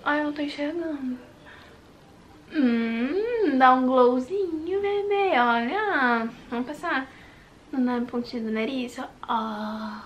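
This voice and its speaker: Brazilian woman, beauty vlogger, high bright voice, gushes over products and slips into whispers, light background hiss. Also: slow, muffled recording. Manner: gushing and excitable, dropping into whispers. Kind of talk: casual makeup haul vlog. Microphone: handheld compact camera.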